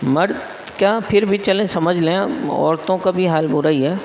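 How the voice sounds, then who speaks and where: A man's voice: sits high, darkish tone. A man, a mufti, teaching the rules of Quran recitation to a class in a mosque, quizzing his listeners and repeating each rule. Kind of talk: classroom lesson. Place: mosque hall. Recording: echoey hall with long reverb.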